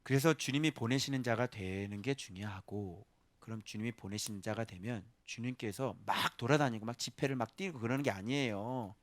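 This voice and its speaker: A man preaching a sermon as a pastor, animated, acting out voices and breaking into sudden shouts. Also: medium pitch, fairly quick, no room sound.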